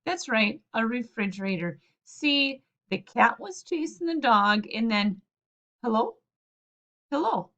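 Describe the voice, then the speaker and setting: A woman's voice: a little high, expressive, takes it slowly, a bit bright, highs cut off, exaggerated voice. A woman doing a flustered, bumbling uncle. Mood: sheepish. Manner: sheepish, hesitant, lots of "uh". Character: flustered middle-aged man, bumbling uncle phoning for help. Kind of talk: storybook read-aloud.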